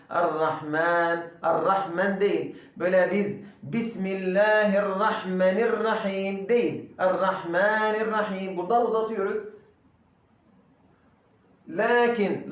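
A man with a Turkish accent and a fairly high voice teaches a recorded lesson, repeating words slowly and patiently. His voice rings through a very echoey room. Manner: slow, repetitive drilling of pronunciation. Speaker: Arabic teacher.

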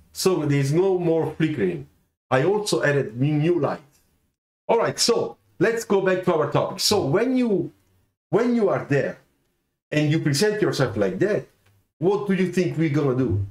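Middle-aged man, lively pitch, slightly high, webcam in a reverberant home studio. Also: moderate pace. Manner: animated, gestures a lot, keeps asking "okay?". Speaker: car designer giving career advice. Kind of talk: livestreamed talk to viewers. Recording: roomy echoey room sound.

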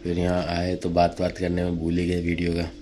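A man's voice: deep voice, a little fast, slight background noise. A young man from India chatting casually to his camera from a train sleeper berth, held at arm's length. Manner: relaxed, chatty, talking to camera. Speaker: travel vlogger. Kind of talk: casual vlog narration. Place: sleeper compartment of a moving train. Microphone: handheld camera at arm's length.

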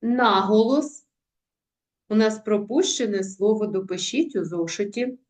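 A woman teacher taking young pupils through a writing lesson at an unhurried, deliberate pace. She sounds out each word syllable by syllable, stretching and stressing the sounds so children can follow. Her pitch sits in a middle range for a woman. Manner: slow, careful, sounds out words syllable by syllable. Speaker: primary school teacher.

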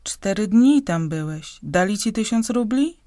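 A woman's voice: mid-range voice, lively intonation, a little slow, dark tone, no room sound, studio quality, pitched above the performer's own voice, natural voice. A woman reading an audiobook, voicing a grasping, domineering wife who scolds and interrogates her husband. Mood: interrogating. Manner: scolding, interrogating, raised and insistent. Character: grasping sharp-tongued middle-aged wife, domineering.

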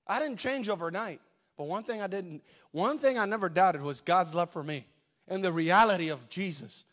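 A middle-aged man preaching a sermon as a pastor, telling his testimony with passion and rising to shouts. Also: high voice, normal speed. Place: church sanctuary.

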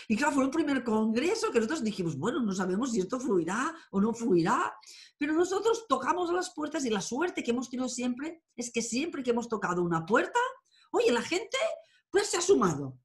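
A woman's voice: high voice, normal speed. A woman telling stories in a casual interview, founder of a tarot school, peppering her talk with "oye" and "¿eh?". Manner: animated, frequent filler "oye" and "¿eh?".

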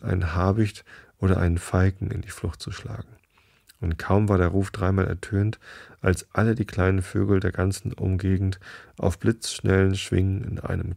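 Man, podcast host, bedtime story reading, slow and even, very low voice, dry close recording. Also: gravelly, dry recording.

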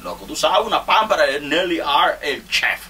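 A man's voice: fairly high pitch, very animated, moderate pace, bright, forceful tone, a little hiss or hum. A man with a Dominican Spanish accent jokingly roasting fellow artists in a rambling, laughing monologue. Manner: teasing, rambling, laughs often. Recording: distant mic with faint ambience.

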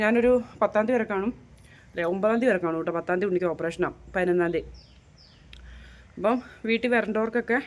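A woman's voice: mid-range voice, a little hiss or hum. Chatty woman vlogging on the move. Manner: chatty, keeps addressing viewers with tag questions. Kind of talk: casual walking vlog. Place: outdoors walking along roads, then at home.

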